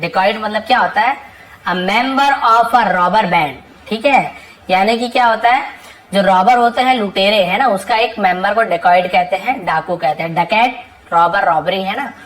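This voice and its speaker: A woman teaches English words one by one, speaking each word slowly and then repeating its meaning with patience. She has a voice of middling pitch and the easy, steady pace of a tutor talking through a word list. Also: rough recording. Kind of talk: reading a word list with Hindi explanations.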